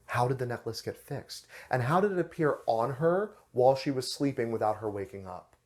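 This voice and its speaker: Here the same kind of review host talks through a TV episode, sounding keen and conversational while stumbling into fillers and fresh starts. His pitch is fairly low, a little mellow, with vocal fry.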